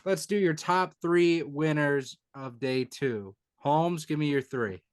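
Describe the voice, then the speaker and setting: A young man hosting a casual sports podcast, leading the segments with brisk joking talk. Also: fairly high pitch, smooth. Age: young adult. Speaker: podcast host. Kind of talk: casual chat.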